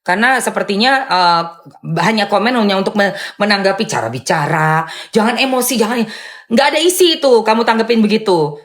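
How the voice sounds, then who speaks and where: A woman hosting a live stream and answering viewer comments in a loud, firm, blunt way, with sharp emphatic rises on dismissive phrases. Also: medium pitch, expressive, fairly quick. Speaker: live-stream host and content creator.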